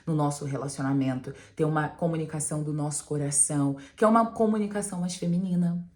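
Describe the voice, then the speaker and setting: A woman giving animated relationship advice straight to her viewers in a casual vlog. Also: deep voice, fast. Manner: animated, talks straight to viewers with frequent "né?" and "gente". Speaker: relationship mentor, channel host.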